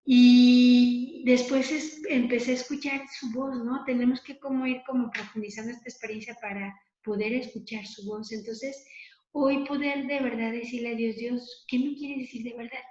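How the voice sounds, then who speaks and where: Female preacher, earnest and chatty, slightly high voice, dull roomy sound. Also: steady tone, normal speed, darkish tone. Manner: earnest, conversational, tag questions. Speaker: preacher leading a prayer meditation. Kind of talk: spoken meditation. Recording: dull, lo-fi, echoey room.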